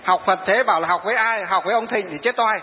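Male monk, high voice, preaching with stories; tinny recording, faint hiss. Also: fast talker. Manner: storytelling, quoting followers and answering rhetorical questions. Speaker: Buddhist monk. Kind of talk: sermon. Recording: tinny phone-like sound in a reverberant hall.

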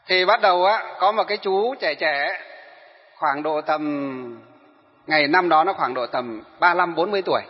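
This man has a high voice with a breathy edge. He's a Buddhist monk delivering a sermon, animatedly narrating a story and asking the audience questions, captured in a dull hall full of reverberation.

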